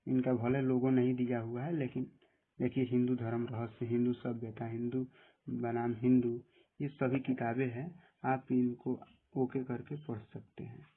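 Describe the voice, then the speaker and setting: A man with a husky voice giving plain step-by-step instructions in a screen-recorded app tutorial. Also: medium pitch, level tone, normal speed. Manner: plain step-by-step instructions, often saying "dekhiye". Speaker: tutorial presenter. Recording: tinny phone-like audio.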